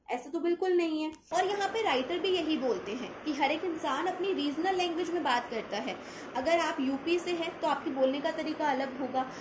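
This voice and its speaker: A woman teacher talks through a literary essay in a high voice, conversational and full of rhetorical questions. Her voice rings in an echoey room, with faint background noise. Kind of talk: explaining a text in a lesson.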